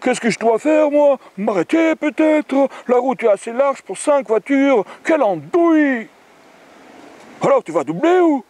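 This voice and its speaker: A man's voice: very high-pitched, animated, a little slow, a little mellow, no echo. A man storyteller voicing, in fireside-storytelling manner, an exasperated male driver who sputters indignant questions.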